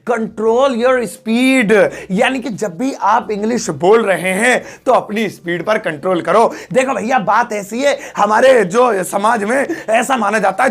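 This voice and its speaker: A young man teaches a casual English lesson, chatty and full of playful jokes. His voice sits high and has a gravelly edge. He keeps it loose and friendly. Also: a bit bright. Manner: chatty, joking, playful asides. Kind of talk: casual Hindi video lesson.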